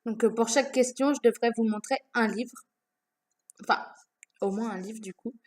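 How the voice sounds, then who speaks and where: Talking about her books from a room at home, this young woman speaks at a normal pace in a highish, darkish voice. The chat is casual, with many fillers and frequent self-corrections.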